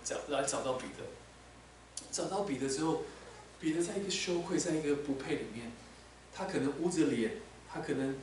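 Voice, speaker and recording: A man preaching a sermon, teaching with animation and slipping English terms into his talk. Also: fairly high pitch. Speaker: pastor. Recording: echoey hall, mic at a distance, faint noise.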